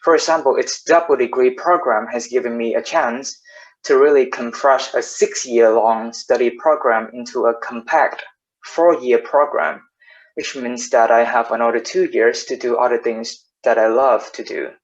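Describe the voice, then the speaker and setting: Young man from Vietnam, student panelist, composed, mid-pitched, muffled lo-fi sound. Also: steady tone, moderate pace. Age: young adult. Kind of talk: answering interview questions. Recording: dull lo-fi audio.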